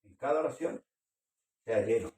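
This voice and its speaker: A man's voice: mid-range voice, animated, moderate pace, a little mellow. A man preaching a sermon as pastor, earnestly putting questions to his congregation. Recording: echoey room, far from the mic.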